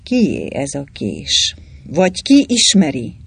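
A man's voice: on the high side, huge pitch swings, vocal fry, a bit bright, slightly rough, full character voice. A narrator voicing a cool-headed man in overalls who gives curt orders. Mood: tense. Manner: curt, commanding. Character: tough, cool-headed male driver in overalls.

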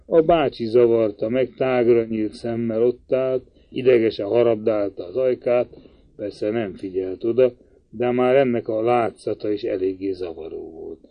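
A man narrates a classic novel in a measured, even voice of middle pitch. The recording sounds slightly dull. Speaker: audiobook reader. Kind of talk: literary narration.

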